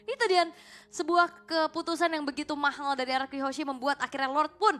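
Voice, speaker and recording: A woman's voice: high-pitched, fairly even intonation, a little fast, fairly bright tone, faint music behind. A woman with an Indonesian accent giving live esports analysis, emphatic and repeating phrases for stress. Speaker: esports commentator. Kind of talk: live game analysis commentary.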